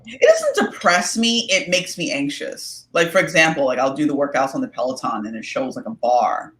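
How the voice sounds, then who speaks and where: A woman co-hosting a casual chat, talking in a lively, animated way and reacting quickly. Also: low-pitched. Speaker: podcast co-host. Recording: echoey roomy sound.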